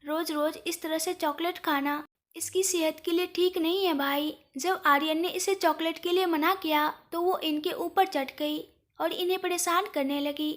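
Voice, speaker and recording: A woman's voice: very high-pitched, steady tone, moderate pace, fairly bright tone. A woman voicing a playful, teasing young woman in a storybook reading. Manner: light, teasing.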